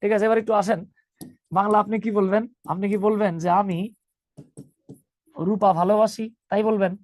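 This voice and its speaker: A man's voice: high-pitched, fairly even intonation, a little fast, no echo. Joking man teaching English. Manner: joking, addresses students as 'baba'. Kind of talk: online grammar class.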